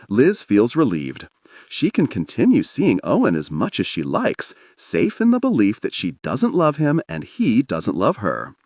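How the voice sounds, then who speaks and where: A man narrating an audiobook in an expressive storytelling manner. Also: medium pitch, no echo, clean studio sound.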